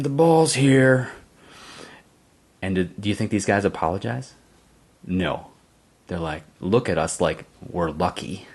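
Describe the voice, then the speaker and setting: Low-voiced man telling a story. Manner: chuckles often, addresses viewers as guys. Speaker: channel host. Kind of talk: casual storytelling to camera.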